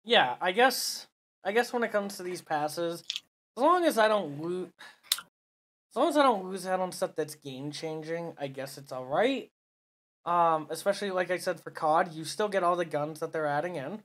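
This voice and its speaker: A man hosts a loose gaming podcast among friends. His voice is bright and forceful, and he chats freely, swearing casually and laughing often. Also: high voice, animated, normal speed. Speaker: podcast host.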